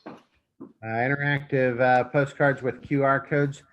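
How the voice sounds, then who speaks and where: A man leading his office team through a meeting over a group video call, talking in a halting way with many fillers and restarts. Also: medium pitch, little pitch movement, slight background noise. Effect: heard over a group video call. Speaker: real estate office leader running a team meeting. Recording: muffled, dry video-call audio.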